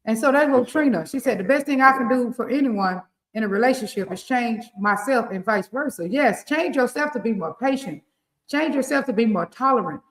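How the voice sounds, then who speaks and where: A woman with a rural Southern US accent, co-hosting a casual live-stream morning show as a relationship coach and giving lively, preachy advice with frequent laughs. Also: on the high side, a little fast. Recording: roomy echo.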